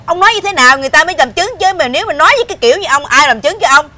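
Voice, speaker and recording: A woman's voice: high voice, lively intonation, bright, forceful tone. An actress playing an exasperated middle-aged mother who scolds her blind ex-husband in a TV drama. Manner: scolding, rapid and indignant. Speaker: former wife. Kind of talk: TV drama acting.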